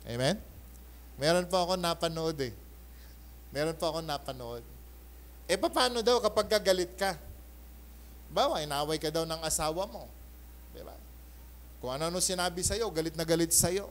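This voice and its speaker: High-pitched guy pastor, sunday sermon, gets loud then goes soft, keeps asking for amen. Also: moderate pace, long pauses. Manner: animated, often asks the congregation for an amen; switches between loud bursts and soft asides. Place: church.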